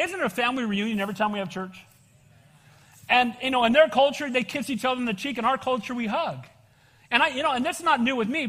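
With a very high-pitched, slightly bright voice, an older American man preaches an evangelical sermon grounded in expository Bible teaching. Before his congregation in a large church room, he mixes exhortation with offhand asides and plenty of calls for amens, while the hall's long reverb trails behind.

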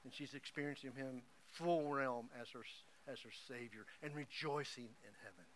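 A middle-aged man from Oklahoma preaching a sermon, telling an emotional story that swings from hushed to loud. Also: medium pitch, normal speed, slight background noise. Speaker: pastor.

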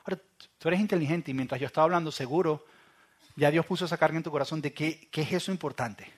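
Male pastor, sermon delivery: husky tone, emphatic and repetitive, quiet intense asides. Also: fairly high pitch, quick pace. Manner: emphatic, repetitive, drops to soft hushed lines for emphasis.

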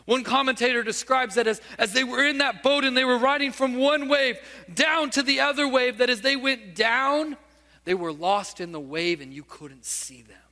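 A man's voice: very high-pitched, normal speed, bright, forceful tone, in a large hall. A male pastor preaching a sermon, telling a story and asking his listeners questions.

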